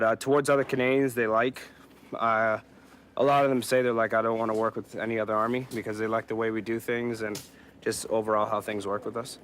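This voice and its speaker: A man's voice: lowish voice, a bit bright, a little hiss or hum. A man from Pakistan, a soldier, answering interview questions in a hesitant way with many fillers. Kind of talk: casual interview.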